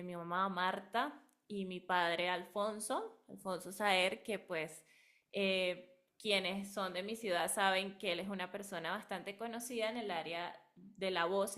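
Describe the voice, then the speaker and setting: A Venezuelan woman, a singer and vocal coach, answering interview questions thoughtfully with frequent pauses and fillers. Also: medium pitch, fairly bright tone. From Barquisimeto, Venezuela.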